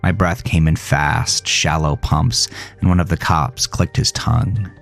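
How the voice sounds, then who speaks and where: Over soft background music, a man with a very low voice tells a horror story in the first person. He sounds somber and dramatic, choosing his phrasing deliberately, with heavy vocal fry and fairly even intonation.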